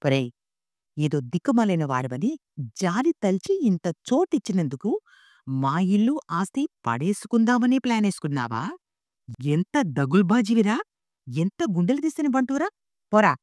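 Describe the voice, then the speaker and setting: A woman's voice: deep voice, very animated, moderate pace, no room sound, studio quality. A woman voicing an angry retired old father who scolds and curses in a storybook reading. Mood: furious. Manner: shouting, cursing.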